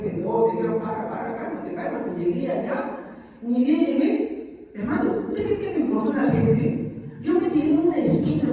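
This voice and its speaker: A man preaching a sermon as pastor, emotional and pleading, his voice rising and falling. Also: very high voice. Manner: emotional, pleading, rises and drops in loudness. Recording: echoey hall from far off.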